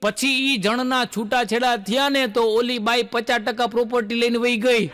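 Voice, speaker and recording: A man's voice: extremely high pitch, fairly even intonation, moderate pace, a bit bright. A man telling stand-up jokes, a folksy storyteller who acts out the people in his stories. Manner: folksy storyteller acting out quoted characters. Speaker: comedian. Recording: long hall reverb.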